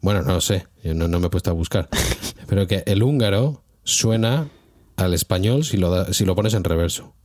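Low-voiced joking man with a Spanish accent. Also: normal speed, darkish tone, dry recording, clean studio sound. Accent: Spanish from Spain. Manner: joking, laughs between playful exaggerations. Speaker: podcast co-host. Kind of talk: casual chat.

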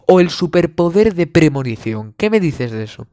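A man's voice: fairly high pitch, big pitch swings, moderate pace, dark tone, no echo, clean studio sound. A young man with a Spanish accent from Spain, delivering a sarcastic comedic monologue full of exaggeration and swearing.

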